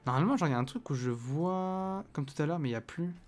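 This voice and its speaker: A man streaming himself playing a video game, excitable and swinging from loud exclamations to muttering. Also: fairly high pitch, fast. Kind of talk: live gameplay commentary.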